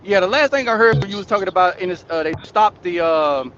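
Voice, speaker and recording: A man's voice: high voice, lively intonation, fast, fairly bright tone, slight background noise. A man on a remote call whose audio keeps breaking up, apologizing and checking whether he can be heard. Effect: choppy internet call audio breaking up. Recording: lo-fi cutting-out call with music behind.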